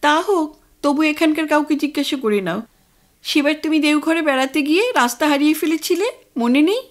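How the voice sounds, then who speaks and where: A woman's voice: sits high, expressive, a little fast, voice pushed up. A woman voicing a worried middle-aged mother who nags and scolds. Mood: scolding. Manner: scolding, nagging.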